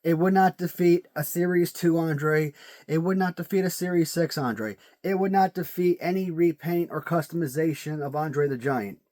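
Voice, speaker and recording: A toy collector with a fairly high, warm voice reviews his action figures in a casual video, speaking at a moderate pace. He's chatty, restarts and repeats words while thinking, and his voice sounds sore and cracking.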